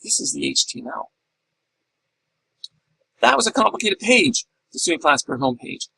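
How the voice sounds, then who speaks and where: A man's voice: high voice, very animated, normal speed, vocal fry, pushed and bright, slightly rough, rough recording. A middle-aged man teaching a class in a recorded lecture, explaining step by step and asking and answering his own questions. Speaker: instructor.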